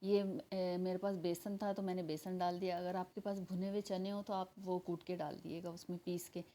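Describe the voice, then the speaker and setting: A woman's voice: lowish voice, little pitch movement, normal speed, warm tone. A woman with a Pakistani Urdu accent hosting a home cooking channel, chatting through a recipe step by step and speaking straight to her viewers. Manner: chatty, explains step by step, addresses viewers directly. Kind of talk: casual cooking tutorial voice-over.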